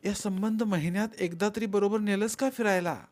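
A man's voice: sits high, normal speed, pitched above the performer's own voice, close to an everyday voice. A man reading an audiobook and voicing a young pregnant wife who questions and reproaches her husband. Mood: reproachful. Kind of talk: audiobook character voice.

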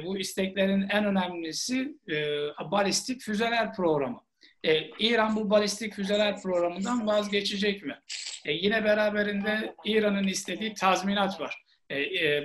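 A man's voice: sits high, a bit bright. A man in his forties lecturing and answering questions in an online seminar, on a video call from a small room. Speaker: seminar lecturer, Gulf studies expert. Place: small plain room indoors. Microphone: video call, earphone headset.

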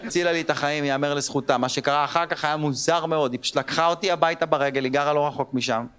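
A man in his thirties doing stand-up on stage, telling childhood stories and slipping into squeaky and gruff voices for the people in them. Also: fairly even intonation. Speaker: stand-up comedian. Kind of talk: stand-up storytelling. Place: theater stage with live audience. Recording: live show with loud crowd laughter.

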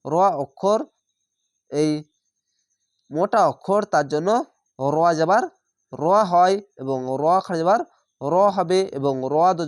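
Man, Bangladeshi Bengali accent, Quran reading teacher, spells letters out one by one, slow recitation, high voice. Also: dry recording, clean studio sound. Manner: spells letters and vowel marks one by one, then recites slowly.

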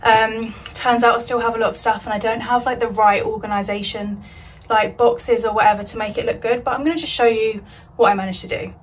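A woman's voice: on the high side, fairly even intonation, brisk, rough recording. A woman chatting casually to her phone camera while sorting her bedroom, rambling and self-deprecating. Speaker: home vlogger. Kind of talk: casual vlog chat to camera. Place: bedroom at home, indoors.

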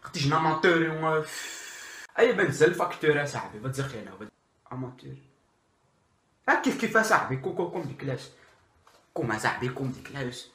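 A man's voice: on the high side, animated, normal speed, pauses often, a bit bright. A young man playing an impatient, bossy Moroccan-Dutch burglar in a comedy sketch, scolding and repeating himself in Moroccan Dutch street slang. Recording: roomy echo of a bare room.

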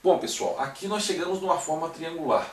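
This is a recorded classroom-style math lecture where a man teaches step by step and frequently checks in with his students. His voice is on the high side and fairly quick. Captured from a distance, the sound echoes around the room.

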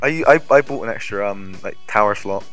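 A young man bantering casually while gaming with a friend, excitable and sweary, given to mock panic. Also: fairly low pitch, fairly quick. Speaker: gamer playing against a friend. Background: game music.

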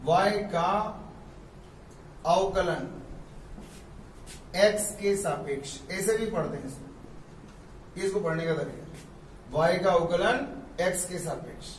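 A physics teacher gives a classroom lecture, explaining step by step and repeating terms slowly. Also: male voice, high voice, slight background noise. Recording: echoey room, mic far off.

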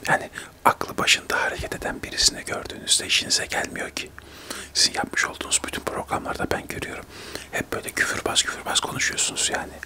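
A man in his thirties doing a whispered role-play of a testy TV debate, arguing insistently in a breathy whisper. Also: fast talker. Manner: whispering throughout, argumentative, insistent. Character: testy male TV debate guests squabbling in whispers. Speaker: ASMR creator acting out a debate show.

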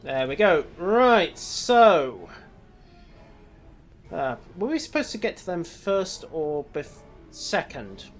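A man's voice: high-pitched, very animated, slow pace, faint music behind. A man casually commenting on his gameplay with dry, wry asides. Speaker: let's play host.

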